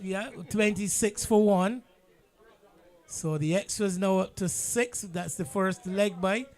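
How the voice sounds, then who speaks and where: Bajan guy doing live cricket commentary, pretty high voice, explains stuff in a measured way. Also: a little mellow.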